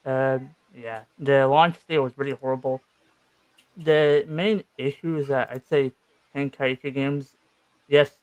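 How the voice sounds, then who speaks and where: A man's voice: mid-range voice, no echo, low-quality recording. A man speaking with braces in his mouth, giving his view casually as a guest in a gaming debate.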